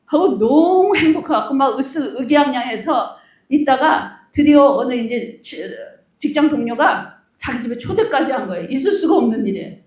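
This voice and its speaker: A middle-aged woman pastor preaching with a fairly high voice, recorded from some distance in a roomy church hall. She tells her sermon story in an animated way and slips into the voices of the people in it. The room's echo hangs around every phrase. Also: normal speed. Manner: animated storyteller, acts out quoted dialogue.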